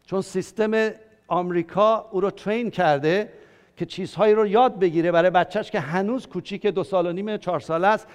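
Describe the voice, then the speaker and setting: An older male pastor preaching a conversational sermon, lively, questioning his congregation and joking with them. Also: high-pitched, smooth. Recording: long hall reverb.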